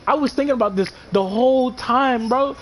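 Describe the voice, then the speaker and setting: Excitable high-voiced young man ranting. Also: moderate pace. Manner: excited, animated, swears a lot, slangy. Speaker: gaming commentator. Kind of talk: casual gameplay commentary.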